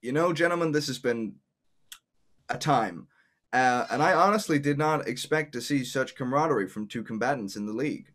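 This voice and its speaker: A man's voice: medium pitch, fairly quick, fairly bright tone, close to an everyday voice. A man voicing a prim sports interviewer and commentator, formal and politely exasperated. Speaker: host.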